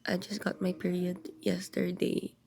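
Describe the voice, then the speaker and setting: A young woman with a Filipino accent chats to camera at home, her voice thick with nasal congestion and heavy vocal fry. Her tone is dark and mellow, and she often sinks into a soft whisper. A faint hiss sits behind her. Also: fairly low pitch, monotone, unhurried. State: congested, stuffy nose. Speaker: vlogger. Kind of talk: casual vlog chat, mixing English and Filipino.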